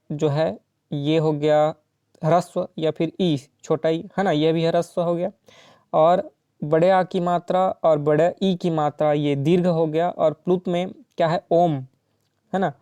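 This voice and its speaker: A man with a slightly high, warm voice leads an exam-prep lesson, recorded dry. He walks through each question step by step, frequently checking in with the listener using "ठीक है" and "है ना".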